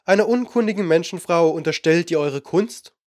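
A male narrator gives voice to a guarded young magician who distrusts strangers, reserved and skeptical in this fantasy audiobook. His tone stays somewhat high, and the sound is dry and close. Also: moderate pace, a little mellow, dry recording, lightly acted. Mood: wary. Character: wary, reserved young male shadow dancer.

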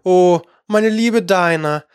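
A reader voicing a polite, curious young girl, eager and quick to apologise. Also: medium pitch, clean tone, no echo, studio quality, pitched above the performer's own voice, lightly acted. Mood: sad.

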